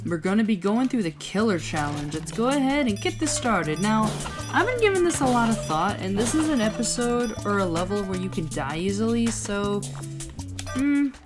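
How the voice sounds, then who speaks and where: A woman hosting a let's play, chatting casually and thinking out loud as she plays. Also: mid-range voice, sing-song, moderate pace. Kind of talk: casual gameplay commentary. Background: loud game music.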